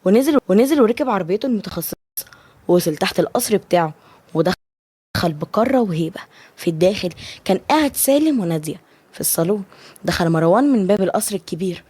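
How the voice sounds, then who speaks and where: Fast Egyptian woman storyteller. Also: medium pitch, animated, dark tone, husky, no room sound. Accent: Egyptian Arabic. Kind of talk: read romance story narration.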